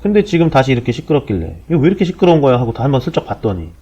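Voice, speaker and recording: A man in his forties hosting a podcast, explaining things in a blunt, sardonic, casual way, heard through low-quality compressed audio. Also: very animated, very fast, dark tone. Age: 40s. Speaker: podcast host. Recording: dull low-bitrate lo-fi audio.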